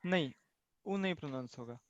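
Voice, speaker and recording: A man's voice: a little high, animated, a little fast. A male language teacher in an online class who patiently repeats each word and explains it in two languages, over a video call. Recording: dull video-call audio.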